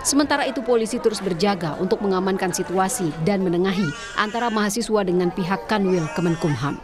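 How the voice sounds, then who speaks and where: A woman field reporter, reading a news report in a steady, formal voice. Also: mid-range voice, quick pace, a crowd in the background.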